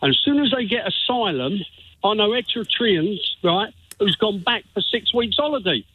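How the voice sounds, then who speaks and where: A man's voice: sits high, lively intonation, normal speed, breathy edge, dry recording. A man in his sixties with a London accent, calling into a radio phone-in. He talks bluntly and repeats his points. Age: 60s. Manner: blunt, insistent, repeats himself. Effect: phone line. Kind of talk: heated phone-in argument. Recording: tinny phone line.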